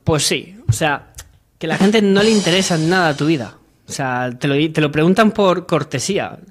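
A man's voice: fairly high pitch, moderate pace. A young man from Madrid, joking and acting out dialogue as humor contributor in a small radio studio. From Madrid, Spain. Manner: animated, gesturing, acts out dialogue in voices. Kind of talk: comedic radio chat. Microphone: desk mic on stand.

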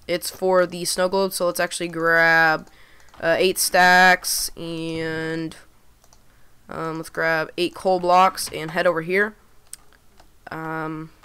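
A young woman casually talking through her gameplay, relaxed and rambling with plenty of ums. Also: on the low side, smooth. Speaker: gaming channel host. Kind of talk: casual let's-play commentary.

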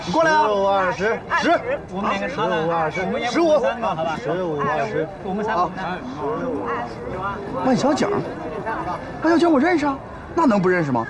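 A boisterous drinking buddy at a street-food stall, his voice high and lively as he keeps urging everyone to drink. A loud outdoor crowd fills the background. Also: normal speed, pauses often. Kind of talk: TV drama acting.

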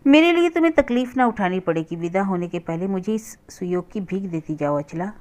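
A woman's voice: medium pitch, expressive, a little mellow, lightly acted. Woman reading as a remorseful pleading young man. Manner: earnest, pleading, measured.

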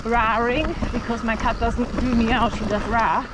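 A woman riding a mountain bike trail outdoors, giving excitable, nervous running commentary into a helmet action camera. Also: on the high side, a little slow, noisy background. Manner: excitable and nervous, frequent exclamations. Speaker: mountain biker filming her ride.

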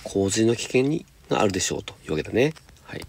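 A man teaching high school English, patiently explaining homework step by step and reading example sentences slowly. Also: big pitch swings, vocal fry, slight background noise. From Japan.

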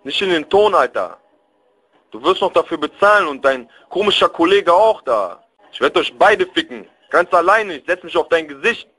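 Menacing young man over the phone, bright forceful voice. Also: fairly high pitch, expressive, normal speed, slightly rough. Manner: menacing, slangy, confrontational. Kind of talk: prank phone call with threats. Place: on a telephone call.

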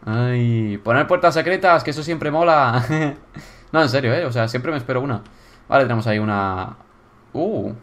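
Young male YouTuber, Spain Spanish accent, casual gameplay commentary, excitable, lively pitch. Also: normal speed. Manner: excitable, bursts into loud exclamations. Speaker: YouTuber touring viewer builds.

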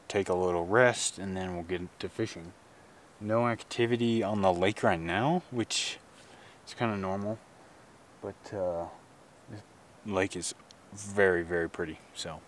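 A man's voice: low-pitched, a little hiss or hum. A man vlogging casually outdoors by a mountain lake, worn out from a hike, chatting loosely with lots of fillers. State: tired from hiking. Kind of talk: casual vlog narration. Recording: music playing under the voice.

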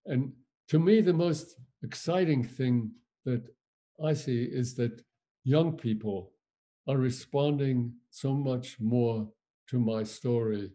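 Slow, halting older man. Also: mid-range voice, warm tone. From Germany. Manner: halting, reflective, with many pauses. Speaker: Holocaust survivor speaker. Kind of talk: recounting memories in a lecture.

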